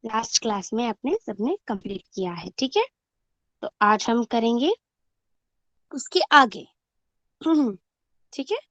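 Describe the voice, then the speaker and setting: A woman's voice: fairly high pitch, sing-song, fairly bright tone, no echo. A woman teacher giving an online class to first graders, sounding out words syllable by syllable and asking the class questions that she answers herself. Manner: slow, clear syllable-by-syllable word drilling.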